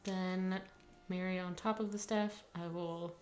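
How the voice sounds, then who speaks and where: A woman's voice: fairly low pitch, fairly even intonation, a little slow, a little mellow, faint music behind. A woman in a tabletop game casually describing what her character does. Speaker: player.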